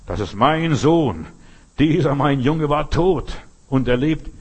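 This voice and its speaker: A man's voice: on the high side, lively intonation, slow pace, a little mellow, slightly rough. A man preaching a sermon, emphatic and speaking straight to the listener with rhetorical questions.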